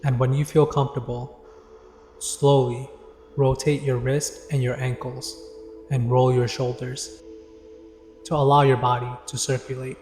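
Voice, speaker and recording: Over background music, a meditation guide leads listeners through a session in a reverberant, echo-filled recording. His steady, unhurried voice stays nearly flat in pitch, and he leaves gaps between each instruction.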